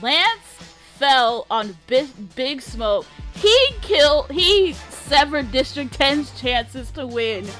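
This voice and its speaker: A woman with a high, animated, slightly bright voice talks slowly and barely pauses, with music playing behind her. She hosts a gaming channel series, giving casual, sweary commentary that swings between mock-dramatic announcing and offhand asides.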